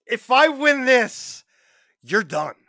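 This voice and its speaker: A man's voice: very high voice, very animated, slow pace, vocal fry, bright, forceful tone, no echo, studio quality. A man co-hosting a podcast, talking casually and playfully about racing bets, cocky and fond of repeating catchphrases. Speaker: podcast co-host.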